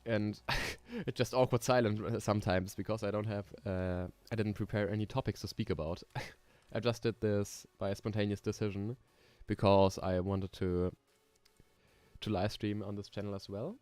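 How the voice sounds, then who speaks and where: In a dry recording, a young German man with a German accent chats on a casual stream, his slightly mellow voice on the low side, steady in tone and moderate in pace. Keyboard typing is audible as he constructs roller coasters and thinks aloud, full of ums and small laughs.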